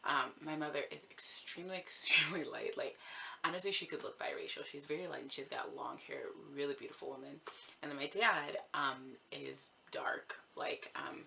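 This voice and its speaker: A young woman from the States talks to her viewers in a loose, chatty vlog, low in pitch with a gravelly edge. Her tone is bright and forward, she laughs often and her sentences run on with "like". A faint hiss of room noise sits under her voice. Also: normal speed. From United States. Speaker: vlogger. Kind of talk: casual vlog talk to camera.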